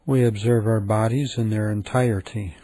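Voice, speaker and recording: A man with a fairly low voice guides a meditation, gentle and calm, unhurried and pausing often.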